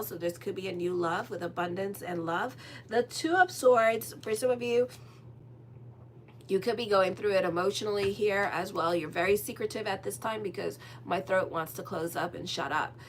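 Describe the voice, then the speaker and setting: A little hiss or hum sits under a woman's mid-range voice as she, an astrologer, gives a casual tarot horoscope reading. She's rambling and chatty, full of fillers, and frank and direct with listeners.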